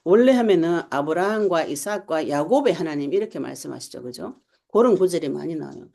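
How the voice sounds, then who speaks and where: Animated woman preacher, warm low voice. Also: brisk, vocal fry. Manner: animated storytelling preacher, acts out quotes, laughs often. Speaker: pastor. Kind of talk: sermon. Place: online church service.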